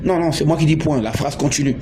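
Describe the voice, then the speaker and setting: Congolese male preacher, emphatic and repetitive, slightly high voice, noisy recording. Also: fast talker. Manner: emphatic, repeats words, asks the audience. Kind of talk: sermon. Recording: noisy background.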